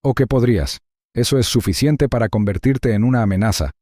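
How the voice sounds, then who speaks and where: A man voicing a calm male federal agent who speaks low and steady with quiet urgency in a storybook reading. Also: fairly quick, no room sound, studio quality, natural voice. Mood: urgent.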